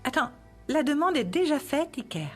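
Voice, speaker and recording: An independent mother and estranged wife in a dubbed TV drama. She speaks firmly in a high voice over soft background music. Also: big pitch swings, normal speed. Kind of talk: dubbed television drama acting.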